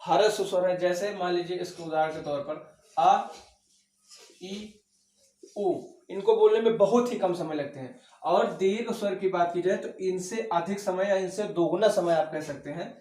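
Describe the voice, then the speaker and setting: A man's voice: high-pitched, moderate pace, darkish tone. A man teaching an exam-prep grammar lesson, asking questions and answering them himself, often checking with "okay". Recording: echoey room, mic at a distance.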